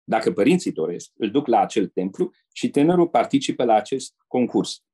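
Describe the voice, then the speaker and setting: Older male ex-diplomat telling anecdotes, husky dark tone, relaxed, talks to the listener in asides. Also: mid-range voice. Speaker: former diplomat and interpreter. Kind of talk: anecdotal storytelling.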